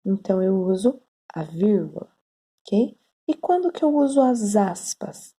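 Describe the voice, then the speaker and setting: Teaching writing online, a woman explains things slowly and patiently, often pausing to check on her students with "tá?" and "né?". She has a medium-pitched, husky, dark-toned voice and is very animated.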